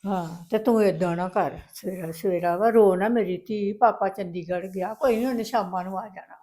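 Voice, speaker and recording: A woman's voice: mid-range voice, moderate pace, warm tone, natural voice. An older woman playing a doting grandmother who soothes her granddaughter and argues with her daughter-in-law. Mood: soothing. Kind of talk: family drama acting.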